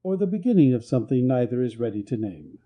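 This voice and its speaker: A man narrating a scripted story in a calm, measured way. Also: medium pitch, phone-quality sound.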